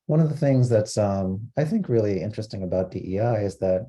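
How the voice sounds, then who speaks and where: A man from Costa Rica giving an online training lecture, explaining terms in a measured way with frequent fillers. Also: lowish voice, expressive, dark tone. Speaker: diversity trainer.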